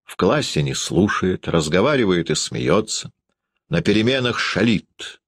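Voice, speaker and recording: A man's voice: low voice, big pitch swings, unhurried, dry recording, clean studio sound, full character voice. A man voicing a sullen, spiteful schoolteacher who grumbles complaints in an audiobook reading.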